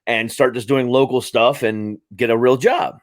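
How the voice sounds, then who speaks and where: A podcast host in his late thirties chats casually in an interview, rambling along with plenty of fillers and restarts. His voice is medium-pitched and steady, at a normal speed.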